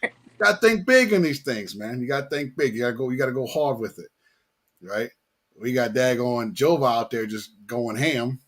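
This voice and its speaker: A man's voice: mid-range voice, expressive, moderate pace, fairly bright tone. A man chatting casually as host in a slangy, laid-back way, often repeating his phrases. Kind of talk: casual chat.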